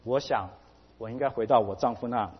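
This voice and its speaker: A man's voice: mid-range voice, brisk, husky, lightly acted. A man retelling a flustered married woman. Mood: anxious. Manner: anxious, hesitant pleading. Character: troubled married woman seeking counsel. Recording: dull lo-fi, long hall reverb.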